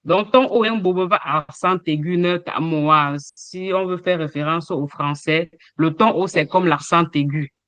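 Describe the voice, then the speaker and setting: A man teaching an online language lesson, explaining tones slowly with repeated examples and hesitations over a video call. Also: on the high side, a bit bright, no room sound. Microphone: computer mic on a video call.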